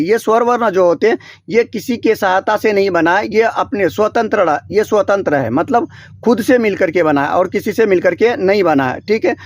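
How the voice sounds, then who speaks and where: A man with a fairly high voice teaches a grammar lesson, posing each question and answering it himself in a steady drill. He often stops to restart or correct a word. The sound is dry and close, with little room echo. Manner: frequent self-corrections and restarts. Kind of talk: classroom-style grammar lesson. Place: small room beside a board.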